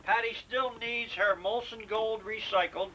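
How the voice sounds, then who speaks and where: A man's voice: sits high, steady tone, a little slow, pushed and bright. A middle-aged father arguing insistently at a family dinner, repeating his points, heard on an old VHS home video. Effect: old VHS home video recording. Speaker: father in a mock family debate. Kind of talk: casual argument at a family dinner. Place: home dining room. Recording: hissy camcorder tape, distant mic.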